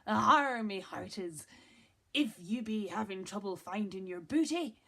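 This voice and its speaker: A woman putting on a boisterous swaggering male pirate voice in a loud, hammy growl. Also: mid-range voice, animated, measured pace, vocal fry, full character voice.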